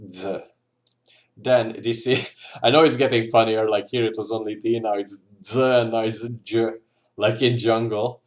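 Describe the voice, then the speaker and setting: This language tutor, a native Hungarian speaker with a matching accent, gives an informal lesson with hesitant explanations and repeated examples. He speaks a little slowly in a lowish, steady voice.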